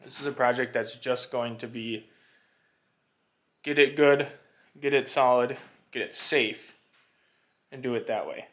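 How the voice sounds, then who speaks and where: A man's voice: medium pitch, fairly even intonation, unhurried, pauses often, fairly bright tone. A man vlogging a do-it-yourself barn renovation, talking to camera in a casual, unsure way and thinking aloud as he goes. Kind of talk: casual walkthrough talk to camera. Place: inside an old barn.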